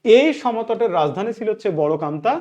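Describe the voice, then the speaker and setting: A man's voice: high voice, animated, fairly quick, a little mellow. A man teaching a live online class, repeating key facts and asking students if they follow. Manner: repetitive, drills key facts with check-in questions; reads out viewer names and thanks them. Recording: dull lo-fi sound.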